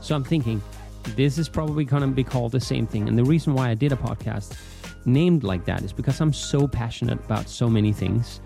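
A man from Denmark, whose Danish accent leans American, hosts a solo podcast in a casual, playful, rambling way. His medium-pitched voice is gravelly and warm and a little fast, over soft background music.

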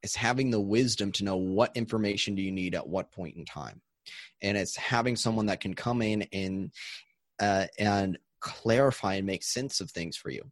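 A man's voice: lowish voice, normal speed, dry recording. A man talking as a guest in an interview, explaining his ideas with enthusiasm and a few restarts. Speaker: audiobook coach and guest. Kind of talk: conversational interview.

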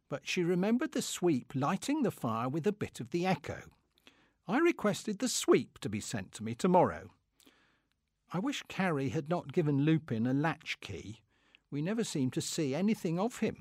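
Playing a self-satisfied Victorian clerk of middle age, a man reads the diary aloud in a dramatic comic style, pompous and fussily indignant. The voice swoops expressively and sits somewhat high for a man. It's captured in a very dry, close recording without any room sound.

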